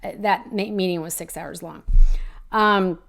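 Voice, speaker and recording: A woman's voice: lowish voice, fairly even intonation, unhurried, vocal fry, a bit bright. A woman hosting her own podcast, ranting indignantly about local politics in a rambling, profane way, full of fillers and restarts. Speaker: podcast host. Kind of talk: casual ranting commentary.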